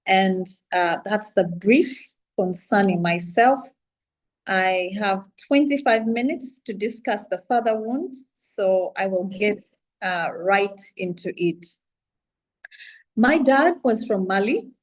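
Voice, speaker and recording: A woman's voice: mid-range voice, slow pace, rough recording. A woman from Uganda, guest speaker on a video call, talking earnestly and steadily about her life. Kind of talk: personal talk.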